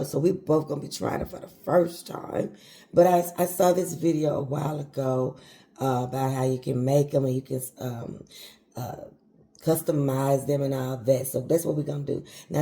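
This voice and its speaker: A woman with a deep, warm, hoarse voice chats folksily through a home cooking tutorial. She keeps things casual and calls her viewers baby and honey.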